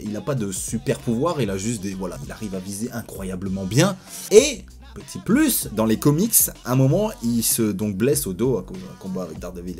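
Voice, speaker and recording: A young man reviews a TV series in a casual video, frank and enthusiastic, swinging from excited outbursts to low asides.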